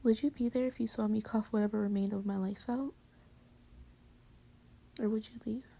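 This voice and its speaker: Voicing a loving, teasing girlfriend with a concealed insecurity, this woman often slips into breathy whispers in pillow-talk roleplay audio. Here her mid-range voice sounds dark, steady, and hesitant, vulnerable, at normal speed.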